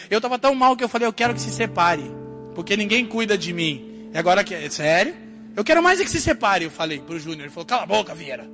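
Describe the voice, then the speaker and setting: A man from Brazil giving an animated sermon testimony, swinging from hushed asides to loud outbursts. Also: high voice. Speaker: preacher telling his testimony.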